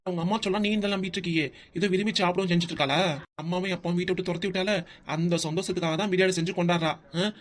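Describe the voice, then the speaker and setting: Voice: mid-range voice, steady tone, rapid-fire, close to an everyday voice. A performer voicing a stubborn, sulking husband and father in a cartoon comedy, blunt and dismissive.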